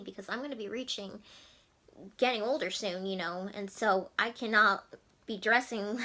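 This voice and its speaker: A young woman in her twenties talks casually to her viewers, rambling and restarting her sentences with frequent fillers. Her voice is bright and forward, sitting at an ordinary pitch for a woman. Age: 20s. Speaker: vlogger. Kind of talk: casual chat to camera.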